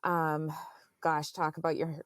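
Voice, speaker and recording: A woman in her thirties, a podcast guest, telling a personal story in a halting, earnest way with many fillers. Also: sits low, flat delivery, no echo, clean studio sound.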